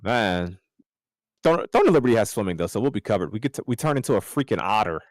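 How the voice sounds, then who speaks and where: Man, podcast co-host, casual gaming chat, excitable rambling, lively pitch, dry sound. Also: fast talker, no room sound. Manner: excitable, rambling, jumps up in pitch when joking.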